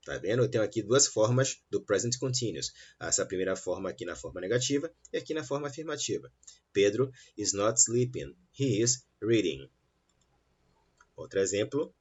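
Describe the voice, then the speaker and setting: A man teaching an English lesson, saying model sentences slowly and clearly between quicker explanations. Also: on the low side. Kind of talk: online English lesson for Portuguese speakers. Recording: dull, lo-fi sound.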